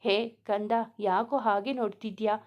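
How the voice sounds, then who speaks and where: A woman's voice: medium pitch, fairly even intonation, moderate pace, lo-fi sound, lightly acted. A woman voicing a young husband who talks to his wife in a teasing, affectionate way. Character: young man, tender romantic husband.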